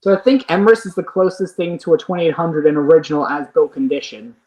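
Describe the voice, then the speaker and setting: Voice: medium pitch, quick pace, a little mellow, rough recording. A streamer hosting a livestream, chatting casually and rambling enthusiastically with a guest. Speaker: streamer, host. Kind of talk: casual chat.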